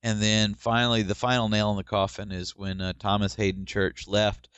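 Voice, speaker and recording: A man's voice: fairly low pitch, level tone, moderate pace, fairly bright tone, clean tone, no room sound, muffled recording. A man co-hosting a podcast, chatting casually about TV shows and explaining his opinions at length. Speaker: podcast co-host.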